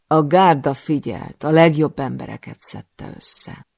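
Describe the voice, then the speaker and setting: A cruel, scheming cult master from an audiobook thriller, put on by a male reader. He speaks slowly and with quiet menace, sometimes sinking to a whisper, in a heavily gravelly voice recorded close and dry. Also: a little high, dry recording. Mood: sneering.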